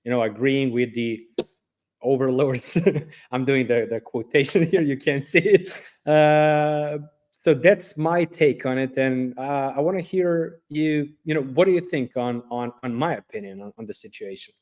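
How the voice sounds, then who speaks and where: A man's voice: medium pitch, measured pace, a little mellow. A man from Serbia hosting a podcast, talking in a casual, thoughtful, hesitant way with many fillers. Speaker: podcast host.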